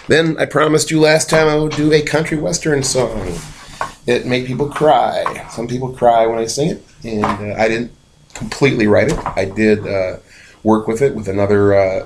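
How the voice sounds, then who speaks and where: Male street singer-songwriter, low voice, rambling and self-deprecating patter between numbers. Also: creaky, slight background noise. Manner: rambling, hesitant, wry and self-mocking. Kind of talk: casual talk to camera between songs.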